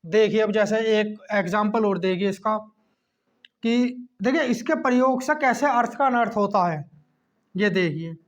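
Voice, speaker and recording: A man teaching a class lesson, checking in with a quick "okay" between points as he explains. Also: high-pitched. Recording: dull lo-fi recording.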